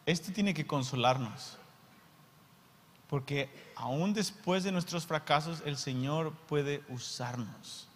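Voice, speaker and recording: A man from Mexico with a Mexican accent, preaching a sermon in a dramatic way that acts out the scenes, with sudden jumps in loudness. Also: on the high side, slow, a little hiss or hum. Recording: long reverb of a large hall.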